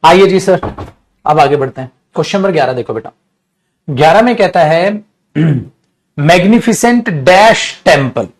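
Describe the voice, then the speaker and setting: A middle-aged man teaches an online grammar class from his studio, his voice sitting a little high. He lectures in a stern, earnest, scolding way, addressing his students directly as he talks into the camera mic. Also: lively intonation, a little fast, pauses often, a little mellow.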